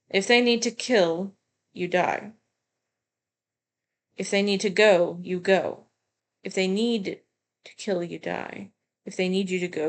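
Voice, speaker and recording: A proud male scientist, cornered and defiant, speaking his lines from a video game with grave, declamatory weight, as a woman reads him out in a voice close to her own. His pitch sits in a middle range. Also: natural voice. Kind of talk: reading game dialogue aloud.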